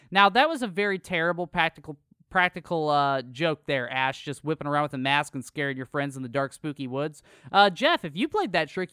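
Co-hosting a podcast, a man recaps an episode from a script in a casual chat, tossing in jokey asides. His voice is a little high, pushed and bright, with a clean tone and a dry, studio-quality recording.

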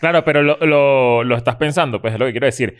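A man's voice: mid-range voice, fast talker. A man with a Venezuelan accent in a casual chat among friends, telling stories animatedly and often stumbling and repeating his words.

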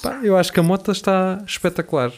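A man's voice: high-pitched, quick pace. Blunt Portuguese man, casual talk host. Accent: European Portuguese. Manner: opinionated, blunt, swearing. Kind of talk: casual banter with friends.

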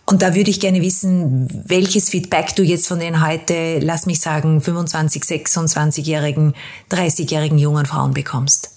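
A woman's voice: low-pitched, flat delivery, moderate pace, a little mellow. A woman hosting an interview podcast, asking long, winding questions with frequent hesitations. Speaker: podcast host.

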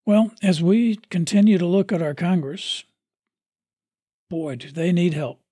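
Preacher type with a husky tone, earnest and measured, recorded close and dry. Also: mid-range voice, warm tone, dry recording. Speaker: podcast host reading a parent's sermon. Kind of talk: sermon.

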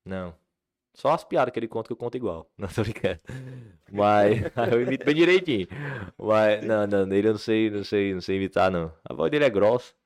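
A man's voice: on the low side, fast talker. A man from Ceará, a comedian telling stories in a casual chat, full of fillers and restarts. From Ceará, Brazil. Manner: animated storyteller, many fillers and restarts. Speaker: comedian guest.

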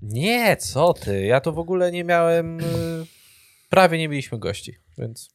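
A young man co-hosting a casual chat, joking and animated, laughing often. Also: a little high, measured pace. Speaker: podcast co-host. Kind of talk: casual banter.

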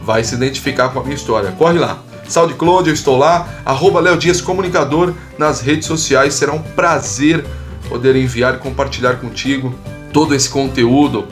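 A man's voice: mid-range voice, moderate pace, soft background music. A man, hosting a teaching podcast on public speaking, coaxing the listener with repeated phrases and questions and reciting rhymed verse in a sing-song way.

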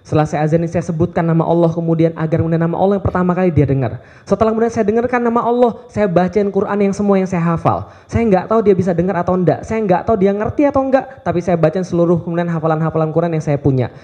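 A man in his thirties preaching to a live audience in a lively, playful way, firing off rhetorical questions. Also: high-pitched, racing, muffled recording. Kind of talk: lively youth sermon. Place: event hall with live audience.

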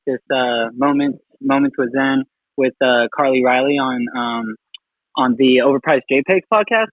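A man's voice: medium pitch, no room sound. A man calling into a live audio chat, talking in a laid-back, slangy, hesitant way, heard over a phone-like speaker line. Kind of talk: casual chat. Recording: tinny phone-like line, dry.

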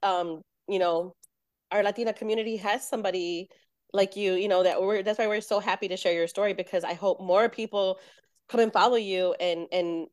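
A woman host speaks in an even middle pitch, heaped with praise and "you know" fillers. The sound is dry, with no room around her. She talks casually and openly. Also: brisk, no room sound. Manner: gushing, warm-hearted praise with many fillers. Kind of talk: casual interview chat.

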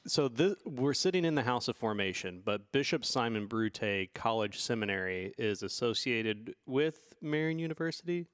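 A man of average pitch co-hosts a podcast. He talks casually, and his voice is captured dry, with little echo on it. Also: animated, normal speed, hardly any pauses, a bit bright, smooth. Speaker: podcast co-host. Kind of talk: casual chat.

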